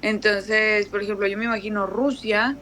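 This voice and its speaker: A woman's voice: mid-range voice, moderate pace, a little hiss or hum. Chatty Mexican woman with a northern accent. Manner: chatty, animated storytelling with many fillers. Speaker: guest. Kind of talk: casual conversation.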